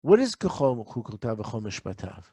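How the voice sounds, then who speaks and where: A man's voice: lowish voice, sing-song, moderate pace, warm tone, slightly rough, no room sound. Man teaching, dry close sound. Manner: asks rhetorical questions, reads Hebrew verses aloud. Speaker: Torah teacher. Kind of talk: lecture on a weekly Torah portion.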